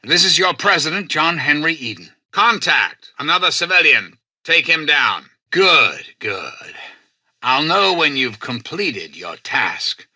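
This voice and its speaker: A male actor playing a self-styled president in a video game, a calculating artificial intelligence who speaks in formal, measured, persuasive oratory. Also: fairly high pitch, big pitch swings, sharp tone, slightly rough, dry recording, heavily acted. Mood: commanding. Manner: grandiose, measured, courteous, persuasive. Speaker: president addressing personnel and listeners.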